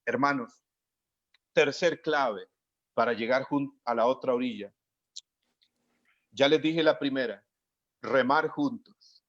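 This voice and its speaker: A man preaching a sermon in an earnest way, slowing down to stress key words and acting out the lines he quotes. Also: mid-range voice, a bit bright. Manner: acts out the quoted lines of the scripture. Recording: dry, dull lo-fi audio.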